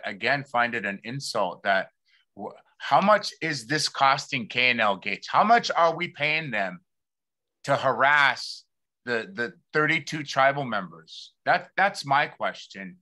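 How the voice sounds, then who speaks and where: A man hosts an informal community talk show at a slow pace, with a bright, forceful voice. His delivery is halting, and he often repeats a word while he finds the next. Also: mid-range voice. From Lummi community, Pacific Northwest United States. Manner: halting, repeats words as he searches for them.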